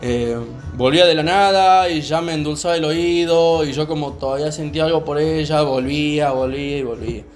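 Young guy w rioplatense accent, bit high voice, chill and slow, lots of ehs, faint music behind. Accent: Rioplatense Spanish. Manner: calm, unhurried, many fillers. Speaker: podcast co-host. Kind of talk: casual storytelling chat.

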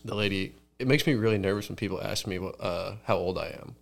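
Twenties guy, low gravelly voice, rambly story, says like a lot. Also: fast. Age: 20s. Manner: rambling, lots of "like". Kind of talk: casual storytelling.

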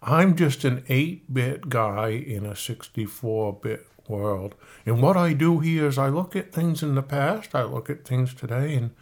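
A man's voice: medium pitch, expressive, a little slow, hardly any pauses. A man hosting a podcast, reading news headlines and adding wry, self-mocking asides. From Maine. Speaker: podcast host. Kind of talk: reading headlines with offhand commentary.

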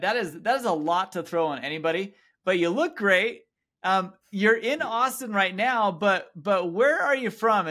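A man hosting a podcast with a high, bright, forward voice. He talks in an upbeat, affirming way and keeps cheering his guest on during a casual interview. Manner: enthusiastic, affirming. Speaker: podcast host.

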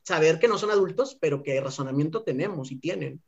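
Thoughtful man, higher voice. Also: animated, gravelly. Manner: reflective, halting with restarts. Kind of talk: casual conversation. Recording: dull lo-fi audio.

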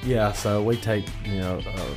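A man with a smoker's rasp, bantering casually as a podcast co-host. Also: lowish voice, fairly even intonation, normal speed, music in the background. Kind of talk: casual beer-review banter.

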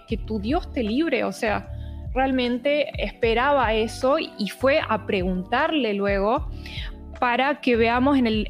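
High-voiced woman reading scripture slowly. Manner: reads slowly with small stumbles and restarts. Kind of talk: Bible teaching chat, reading scripture aloud.

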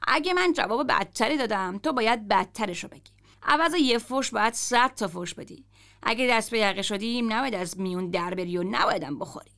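A woman reading the lines of a gruff, foul-mouthed grown man who grumbles and swears in a story. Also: fairly high pitch, expressive, a bit bright.

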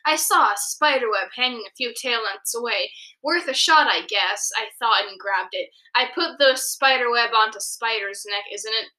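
A woman's voice: a little high, normal speed, hardly any pauses, bright, forceful tone. Giggly young woman reading her old story. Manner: giggly, self-mocking asides. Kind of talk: casual read-aloud with commentary.

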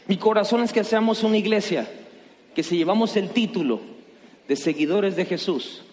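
Preaching young pastor in hall. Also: male voice, high-pitched, normal speed. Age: young adult. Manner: shifts from loud preaching to quiet storytelling. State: sore throat. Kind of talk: sermon. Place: church hall. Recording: reverberant hall with faint noise.

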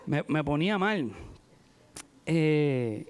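A man's voice: a little high, lively intonation, very slow, clean tone. A man preaching a sermon in a church, telling personal stories in a chatty way and often checking in with the congregation. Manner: chatty, frequent "¿verdad?" asides, addresses the congregation.

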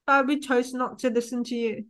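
A woman's voice: a little high, steady tone, normal speed, a bit bright, rough recording. A young woman hosting a podcast in casual conversation, rambling with lots of "like" and restarts. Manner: rambling, heavy use of "like" and restarts. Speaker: podcast host.

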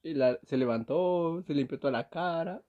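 A man's voice: fairly high pitch, moderate pace, lo-fi sound. Laughing guy telling a story. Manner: storytelling, laughs often, tags lines with "va". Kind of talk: casual chat.

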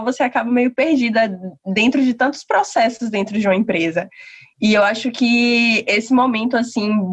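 A young woman entrepreneur talks as a podcast guest in a thoughtful, rambling way. Her voice sits a little high, and the audio is dull and lo-fi. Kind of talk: casual podcast chat.

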